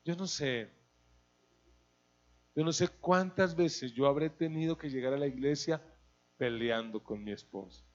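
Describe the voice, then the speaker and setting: A middle-aged man, preaching a sermon as a guest preacher to a church congregation, animated and humorous. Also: on the high side, unhurried, long pauses, dull audio. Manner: animated, humorous, acts out scenes. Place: church service.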